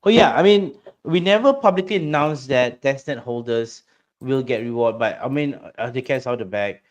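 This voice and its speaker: A middle-aged man from Singapore, a guest on a crypto podcast, chatting casually in a rambling, excitable way with many repeated words. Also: mid-range voice, moderate pace.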